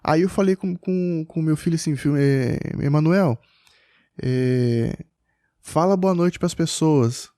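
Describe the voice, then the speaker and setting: A man's voice: a little high, slow pace, warm tone, no room sound, clean studio sound. A man tells a personal story as a father in a casual podcast chat, hesitant and full of restarts.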